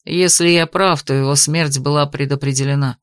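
A woman voicing a stern, menacing male investigator in an audiobook, speaking low and commanding. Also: steady tone, normal speed, clean tone, dry recording, studio quality, lightly acted. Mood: puzzled. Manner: growling, commanding.

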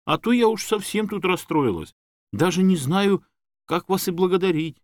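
A man voicing a fussing elderly woman who wails and dotes in a high sing-song. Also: expressive, normal speed, no echo. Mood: grateful chatty.

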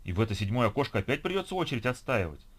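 A man voicing a blunt, determined young woman in a low plain voice. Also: sing-song, rapid-fire, fairly bright tone, slightly rough.

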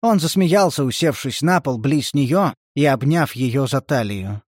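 A man reading a novel aloud as audiobook narrator, in a measured, even manner. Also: mid-range voice, no echo, clean studio sound. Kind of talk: scripted literary narration.

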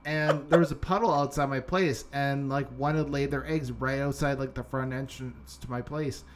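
A man's voice: mid-range voice, fairly even intonation, normal speed, a little hiss or hum. Rambling casual podcast co-host, a man. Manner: rambling, many fillers and restarts. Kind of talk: casual chat.

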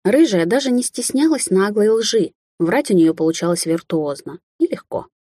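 A woman's voice: mid-range voice, expressive, normal speed, mellow, breathy edge, no echo, clean studio sound. A woman narrating a fantasy audiobook in the first person.

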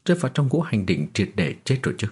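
A man voicing a bold, excitable male martial warrior who speaks bluntly and fires off questions. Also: mid-range voice, fast, husky, pitched above the performer's own voice. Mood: suspicious.

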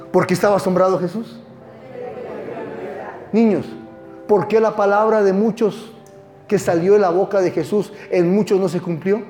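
A male pastor preaching a sermon with impassioned call-and-response, swinging from loud declarations to hushed lines. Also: sits high, a little slow, long pauses, soft background music.

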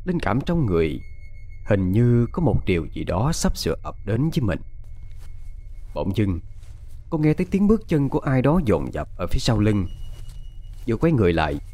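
A man narrating a dramatic folk tale in an expressive storytelling style. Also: lowish voice. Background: faint music.

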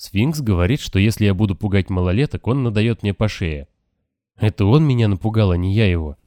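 A man reading a novel aloud in calm, even first-person audiobook narration. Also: on the low side, fairly quick, no room sound. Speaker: audiobook reader. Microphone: close, dry home recording.

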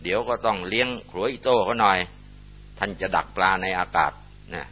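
A man voicing a kindly old abbot monk who speaks calmly and softly, on a muffled lo-fi recording. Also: on the low side, brisk, natural voice.

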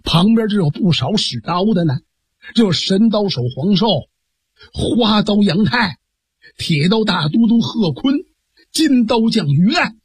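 A man performing a traditional story, dramatic and lively, with asides to listeners. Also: sits high, unhurried, breathy edge, no echo.

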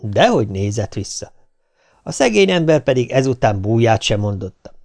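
A male audiobook reader telling a folk tale with great liveliness, his pitch rising and falling freely. His voice is gravelly, in a dry, close recording. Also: dry recording. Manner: lively, expressive storytelling.

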